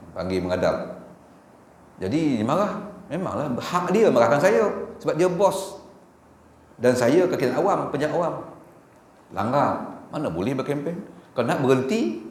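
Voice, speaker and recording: A middle-aged man with a Malaysian Malay accent gives a casual dawn lecture in a mosque, often asking the audience "kan?" and chanting Arabic quotes slowly. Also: a little high, a little mellow. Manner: conversational, often asks the audience "kan?" and laughs; recites Arabic in a raised, slow chant. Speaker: religious teacher. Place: mosque hall. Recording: echoey mosque hall, faint room hum.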